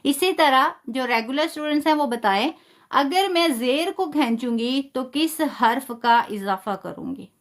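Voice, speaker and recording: A woman's voice: high voice, lively intonation, measured pace. A woman teaching a live online Quran lesson, patiently explaining step by step, stretching demonstration syllables and often praising students.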